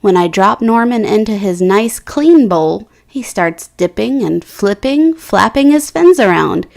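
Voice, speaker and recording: A woman with a creaky, mid-range voice reads a children's picture book aloud, slowly and expressively. She gives each character's quotes their own lift.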